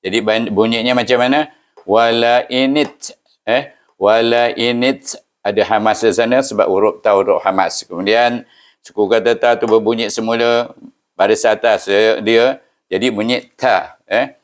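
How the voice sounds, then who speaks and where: A man with a Malaysian Malay accent, teaching Quran reading patiently, syllable by syllable, with slow chanted recitations. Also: on the low side, fairly even intonation. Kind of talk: step-by-step recitation lesson.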